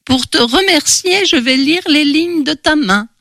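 An eerie old beggar woman reading palms in a storybook tale. Her voice climbs high and quavers with a mysterious, prophetic edge. The sound is dry and close. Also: lively intonation, a little slow, pushed and bright, dry recording, full character voice. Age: older.

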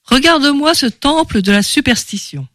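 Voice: mid-range voice, expressive, unhurried, fairly bright tone, no room sound, clean studio sound. A performer voicing an impetuous male journalist in an audiobook, talking in an indignant, scornful way. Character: hot-headed male journalist, scornful skeptic. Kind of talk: audiobook character reading.

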